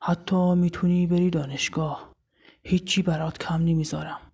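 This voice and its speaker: A woman voicing a proud, cold older man in an audio story, with a thick, manly voice and a slow, curt, mocking way of speaking. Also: lowish voice, flat delivery, darkish tone, slightly rough. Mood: stern.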